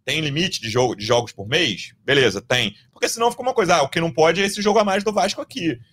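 A man's voice: a little high, lively intonation, fast, a bit bright. A man with a Brazilian Portuguese accent hosts a casual football podcast, giving emphatic, colloquial opinions and repeating his points to drive them home. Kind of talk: casual opinionated sports discussion.

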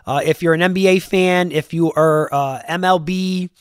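A man's voice: high-pitched, fairly even intonation, normal speed, smooth, no room sound, studio quality. A man hosting a sports podcast in a loose, chatty way with lots of fillers, sounding a little congested from a cold. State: congested, under the weather. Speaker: podcast host. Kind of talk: casual podcast talk.

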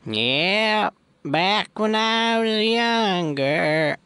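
An actor playing an elderly retired cattle auctioneer who calls in to a comedy radio show, timid and hesitant. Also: male voice, high voice, big pitch swings, a bit bright, clean tone, no room sound, full character voice. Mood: slow, timid. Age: older. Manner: slow, hesitant speech. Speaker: caller.

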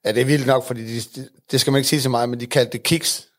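A man's voice: mid-range voice, steady tone, fairly bright tone. A man in his thirties, a guest in a casual chat, telling candid stories with frequent laughter.

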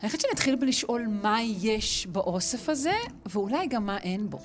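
A woman's voice: on the high side, expressive, faint music behind. A woman co-hosting a live interview, asking questions conversationally. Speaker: co-host interviewer.

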